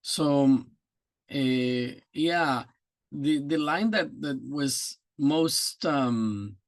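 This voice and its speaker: An older man from Guatemala, a guest in a casual video interview, speaking in a measured, reflective way. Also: mid-range voice, no room sound.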